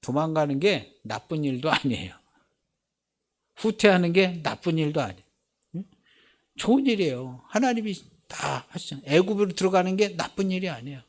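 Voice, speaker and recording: Emphatic Korean pastor preaching. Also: male voice, a little high, animated, moderate pace. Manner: emphatic preaching with rhetorical questions and repetition. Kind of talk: sermon. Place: church sanctuary.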